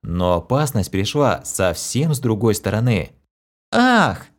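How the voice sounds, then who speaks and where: Expressive male audiobook narrator. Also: fairly low pitch, moderate pace. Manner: expressive storytelling. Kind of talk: first-person novel reading.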